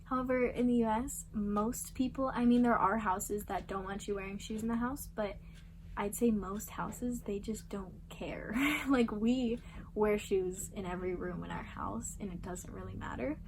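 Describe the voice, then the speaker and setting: A young American woman, an exchange student, chats casually in a medium-pitched voice at a normal speed, filling her talk with fillers and little laughs. The recording was made at home and is noisy.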